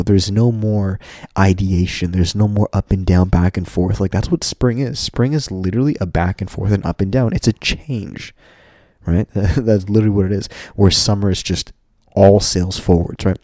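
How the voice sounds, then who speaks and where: A man's voice: deep voice, dark tone, no room sound, clean studio sound. A man hosting a casual solo podcast, talking in an informal, candid, rambling way to his listeners, with a slightly stuffy nose. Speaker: podcast host.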